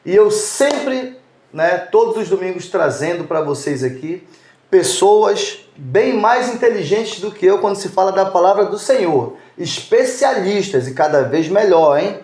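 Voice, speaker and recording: Upbeat male podcast host with a high voice, recorded in an echoey room. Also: animated, a little mellow. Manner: upbeat and chatty, drawn-out greetings.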